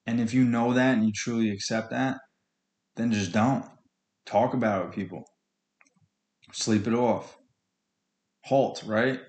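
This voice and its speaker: A man's voice: medium pitch, fairly even intonation, a little slow, pauses often, a little mellow, reverberant. A man hosting a podcast on his own, giving a blunt, earnest, informal motivational monologue with colloquial phrasing and swearing. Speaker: podcast host speaking on addiction recovery.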